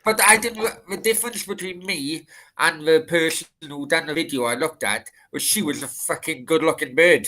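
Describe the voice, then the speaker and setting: A man's voice: a little high, moderate pace, pushed and bright, low-quality recording. A man hosting a casual chat, cracking crude jokes and swearing freely. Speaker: host.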